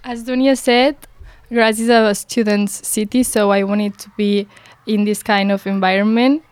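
A woman's voice: mid-range voice, flat delivery, unhurried, darkish tone, smooth, no room sound. Level-voiced young woman. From Catalonia. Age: young adult. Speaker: exchange student guest.

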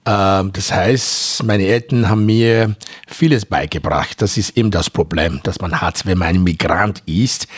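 A man's voice: on the low side, no echo, studio quality. A middle-aged man from Nigeria, answering interview questions earnestly with many hesitations. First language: a Nigerian language. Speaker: interview guest, author.

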